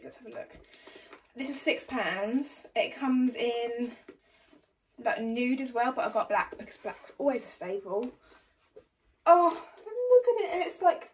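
A woman's voice: a little high, a little hiss or hum, low-quality recording. Bubbly young English woman vlogging. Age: young adult. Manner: bubbly, chatty, energetic. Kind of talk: casual haul vlog. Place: bedroom under a ring light.

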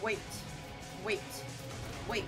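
A young woman chatting and laughing a lot while playing an online game with a friend. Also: drawn-out words. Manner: giggly and animated, bursts of laughter. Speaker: game streamer. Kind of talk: casual gameplay chat. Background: game music.

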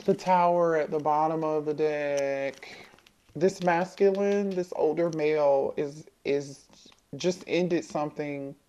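A woman's voice: sits low, slow pace, mellow. A woman doing a casual tarot reading for viewers, thinking aloud, asking the cards questions and repeating herself as she goes. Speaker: tarot reader.

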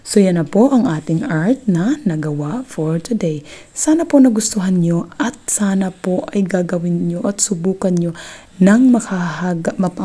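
A woman's voice: lowish voice, dark tone, breathy edge. A middle-aged woman hosting a craft tutorial, chatty and teaching step by step with playful joking asides. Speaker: craft video host.

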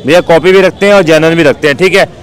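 A man's voice: a little high, racing, rough recording. A man vlogging on foot through an outdoor street market, upbeat and chatty, asking sellers about prices. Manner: upbeat, repeats "bhai" and "theek hai". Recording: outdoor crowd noise behind. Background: crowd chatter and traffic.

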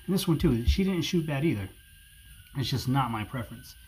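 A video host from New England gives viewers a casual, conversational product review in his New England accent. His mid-range voice runs a little fast on a low-quality recording with steady background noise.

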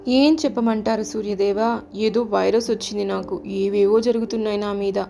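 A sorrowful male planet Mars, as a woman storyteller puts him on, slow and tearful, in a mellow, soft-toned storybook voice. Faint music plays under the telling. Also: mid-range voice, flat delivery, natural voice. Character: sad frightened male planet Mars, wearing a mask.

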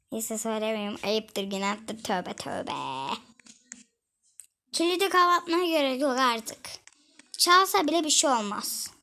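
A woman's voice: high voice, fairly bright tone, rough recording. A young girl chatting casually to her viewers while she plays a game, giggly and talkative. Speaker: gaming vlogger.

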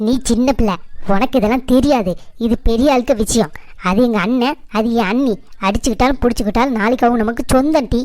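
A woman's voice: on the high side, a little mellow, no room sound, natural voice. A woman voicing a stern, traditional middle-aged mother in a cartoon, lecturing her daughter.

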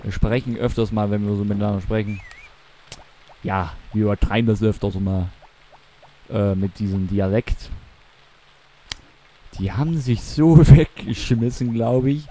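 With a fairly low, mellow voice, a young eastern German man in a Mansfeld accent commentates a game at a measured pace, pausing often. His casual chat meanders and corrects itself, and there's slight hiss or hum.

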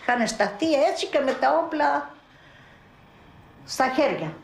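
Older woman, halting testimony, roomy film sound. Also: high voice, lively intonation, creaky. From Greece. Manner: halting storytelling with broken-off phrases. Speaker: mother recounting her son's arrest. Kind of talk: spoken testimony in a documentary.

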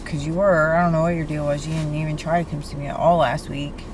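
A young woman chatting casually in a parked car, animated and swearing freely, picked up by a dashboard camera. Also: deep voice, quick pace. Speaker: friend. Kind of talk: casual chat. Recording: noisy car interior.

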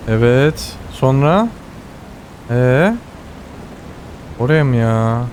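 A man with a Turkish accent giving excited running commentary while playing a game, often repeating words and exclaiming. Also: medium pitch, drawn-out words, slight background noise. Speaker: gamer.

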